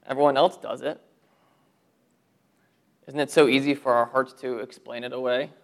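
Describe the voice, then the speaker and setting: Gravelly-voiced man preaching a sermon. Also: fairly even intonation, moderate pace. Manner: earnest preaching with rhetorical questions, dropping low for emphasis. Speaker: pastor.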